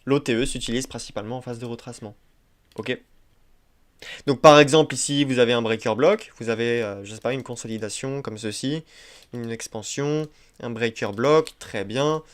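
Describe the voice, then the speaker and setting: A man's voice: medium pitch, normal speed. Emphatic male trading teacher, repeating himself. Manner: repetitive, emphatic, many verbal tics like "ok?" and "hop". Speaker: trading instructor. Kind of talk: screen-share trading tutorial.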